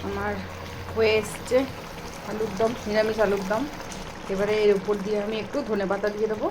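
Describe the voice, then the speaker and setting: In a home kitchen full of frying sounds, a home cook vlogger with a Bengali accent narrates her casual cooking demo step by step. She speaks a little fast, with a mid-range voice and level tone.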